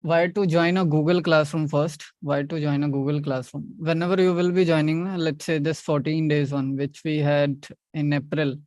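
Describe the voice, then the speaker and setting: A man's voice: fairly high pitch, flat delivery, normal speed, hardly any pauses, darkish tone, no room sound, clean studio sound. A man with a North Indian accent leading an interactive online class as trainer, repeating instructions and checking in with short questions.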